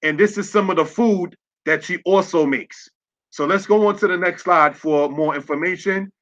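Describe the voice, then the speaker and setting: High-voiced and fairly bright in tone, a male religious teacher moves at a moderate pace through an online lesson built on slides. He spells terms out letter by letter and checks in with "all right?", though the audio is dull and lo-fi.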